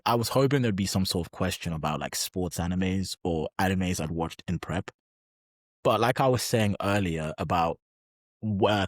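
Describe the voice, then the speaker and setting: Emphatic low-voiced man on a podcast. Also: no room sound, clean studio sound. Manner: enthusiastic, emphatic, rambling with restarts. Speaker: podcast guest, pro bodybuilder. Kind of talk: casual podcast chat.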